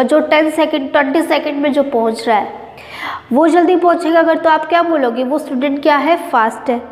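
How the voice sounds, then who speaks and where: A woman's voice: high voice, echoey room, in a large hall. An Indian woman teaching a science lesson to students, explaining patiently and asking rhetorical questions as she goes. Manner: explains with rhetorical questions, mixing Hindi and English. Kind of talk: classroom lecture to students.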